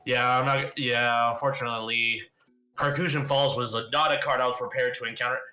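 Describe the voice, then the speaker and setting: A man's voice: medium pitch, fairly even intonation, fairly quick, pushed and bright. A man chatting casually through his turn in an online card game, rambling and self-mocking. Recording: faint background music.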